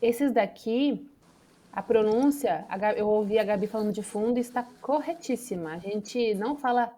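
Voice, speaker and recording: A woman with a Brazilian Portuguese accent teaches an English class online, explaining things patiently over a video call. Her voice sits in the mid range and is a little mellow. The computer microphone adds a little hiss or hum.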